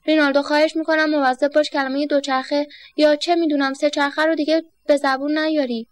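Brief: woman reader as anxious storybook aunt, high pleading voice, dry close sound. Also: level tone, dry recording, natural voice. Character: fretful middle-aged aunt, easily faints.

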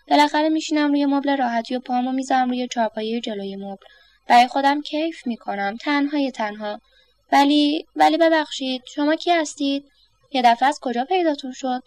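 A woman's voice: sits high, darkish tone, dry recording, natural voice. A woman voicing a flustered middle-aged man who wants peace at home, sarcastic and exasperated. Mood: relieved.

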